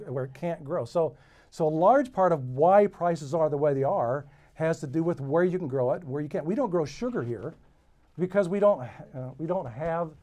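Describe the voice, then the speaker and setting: A middle-aged man from the Midwest talks on a panel in a folksy, joking way, often repeating himself. His voice sits a bit high but sounds mellow and relaxed. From American Midwest. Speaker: panelist, agricultural economist. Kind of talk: panel discussion. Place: lecture room with audience.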